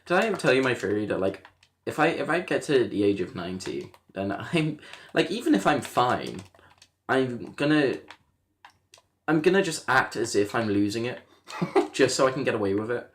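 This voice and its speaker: A man's voice: mid-range voice, moderate pace, slight background noise. A man in his twenties, a podcast host, chatting casually and laughing often as he tells stories. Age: 20s. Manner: laughs often, animated storytelling. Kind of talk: casual chat.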